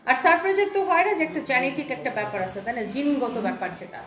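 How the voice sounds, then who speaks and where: High-voiced woman doing a live saree sale, chatty and eager, roomy echo. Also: very animated, very fast, fairly bright tone, a little hiss or hum. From Bangladesh. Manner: chatty, enthusiastic sales patter. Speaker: online saree seller hosting a live stream. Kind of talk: live sales stream, reading viewer comments aloud.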